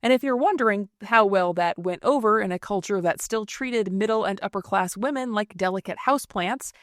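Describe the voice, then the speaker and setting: A woman narrates a history podcast from a script, her delivery snarky and irreverent. Her voice sits at an ordinary middle pitch. It sounds dry and close, with no room around it. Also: brisk, dry recording.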